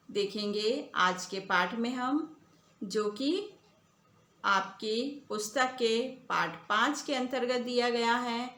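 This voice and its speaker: A woman teacher leads a lesson for small children at an unhurried, careful pace. She says each word clearly and then says it again. Her slightly high voice rings in an echoey room. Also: sharp tone. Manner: slow, deliberate, repeats words for children to echo. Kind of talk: recorded primary school lesson.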